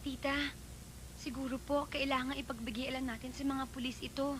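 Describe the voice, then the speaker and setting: A woman's voice: sits high, level tone, fairly quick, noisy background, lightly acted. An actress playing a polite but frank young woman in film dialogue. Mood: concerned.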